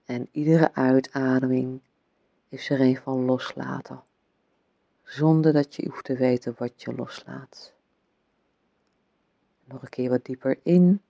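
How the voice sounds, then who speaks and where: Mellow, even-toned man guiding a relaxation meditation. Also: mid-range voice, gravelly, dry recording. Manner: soothing, unhurried phrasing with long pauses, gently instructing. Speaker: meditation guide.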